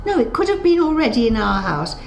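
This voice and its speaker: Her high-leaning, sing-song voice moves fairly quickly as she recounts her past. An English woman in her eighties and Holocaust survivor, she gives an unscripted interview testimony full of self-corrections and acted-out conversations, recorded with roomy echo and clear background noise.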